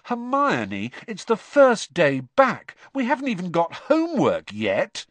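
Guy doing a teen schoolboy, exasperated, raised voice, jumpy pitch, dry sound. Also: huge pitch swings, unhurried, no room sound, exaggerated voice. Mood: incredulous. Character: incredulous teenage schoolboy.

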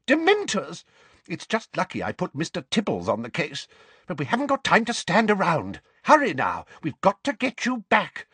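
A man voicing a batty, frantic old woman neighbour who scolds in a shrill, shrieking voice. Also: huge pitch swings, normal speed, a bit bright, breathy edge, no room sound, exaggerated voice. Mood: frantic scolding. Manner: fussy, breathless scolding.

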